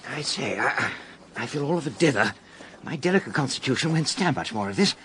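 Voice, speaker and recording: An actor playing an excitable, flustered young upper-class gentleman in a 1920s radio drama, gushing and jittery. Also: medium pitch, fairly quick, slight background noise, close to an everyday voice. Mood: nervous. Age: young adult.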